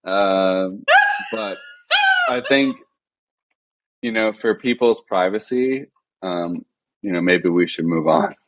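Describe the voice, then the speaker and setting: A young man from the Midwest, chatting as a podcast guest in a flat, deadpan monotone with lots of "like" fillers. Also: sits low, takes it slowly, pauses often, muffled recording, background noise. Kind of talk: casual podcast chat.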